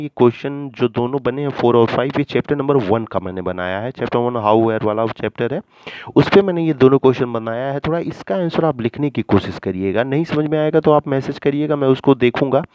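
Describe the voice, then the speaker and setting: A history teacher gives a recorded school lesson explaining exam questions, instructing in a way that often checks understanding and mixes in English terms. His voice is on the high side and a little mellow, with no echo, though the lo-fi audio sounds muffled and dull.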